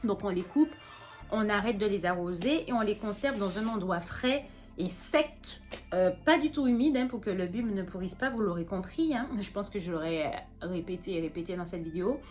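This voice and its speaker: A woman's voice: mid-range voice, animated, normal speed, faint music behind. Chatty woman. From Martinique. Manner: chatty, rambling, many fillers and restarts. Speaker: plant vlogger. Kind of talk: casual show-and-tell vlog.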